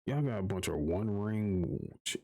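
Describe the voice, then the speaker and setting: Man, low voice, live streamer, profane exasperated rant, repeats himself. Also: lively intonation, measured pace, dark tone.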